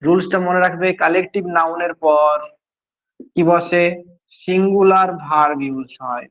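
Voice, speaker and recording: A male teacher giving a grammar lesson, explaining slowly, repeating key points and quizzing his students. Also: high voice, fairly even intonation, phone-quality sound.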